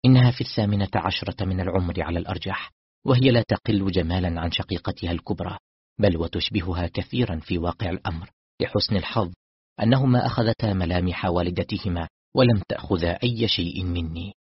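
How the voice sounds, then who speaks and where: Deep husky male audiobook narrator. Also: fast, no room sound. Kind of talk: first-person novel narration. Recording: dull lo-fi dry recording.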